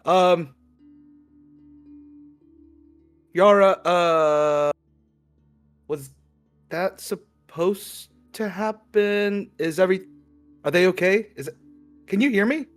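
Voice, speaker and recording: Man voicing a hesitant young hero, halting, slow, faint music. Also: a little high, animated. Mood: worried. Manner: hesitant, halting, many fillers. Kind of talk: voicing a character in a tabletop game.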